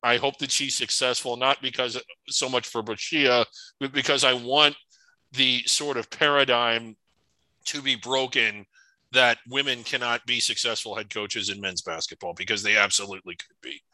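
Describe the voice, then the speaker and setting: Sports podcast co-host guy, super bright voice, strong opinions, trips over words a bit. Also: medium pitch, fairly even intonation, normal speed, no room sound, rough recording. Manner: opinionated, stumbling restarts. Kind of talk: casual sports podcast chat.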